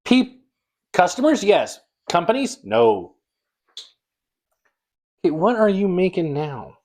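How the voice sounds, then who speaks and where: Man co-hosting, wry and teasing, raised pitch that swoops around a lot. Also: wildly swooping pitch, slow pace, darkish tone. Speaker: podcast co-host. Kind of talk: casual chat.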